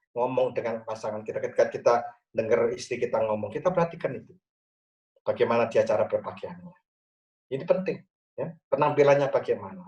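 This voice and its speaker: A male pastor giving a lively church talk on marriage over a video call, with frequent "ya" tags. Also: mid-range voice, far from the mic, muffled recording.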